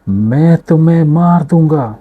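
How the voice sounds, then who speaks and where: A man's voice: lowish voice, unhurried, husky, phone-quality sound. Stubborn little boy, as a male storyteller puts him on. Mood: angry. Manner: insistent, pleading. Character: young boy, stubborn and easily scared.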